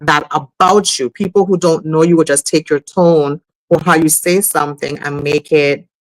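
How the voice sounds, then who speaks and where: A woman's voice: deep voice, steady tone, moderate pace, no echo, poor audio. Woman talking in dry sound. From US Virgin Islands. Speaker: talk show co-host. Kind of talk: casual conversational commentary.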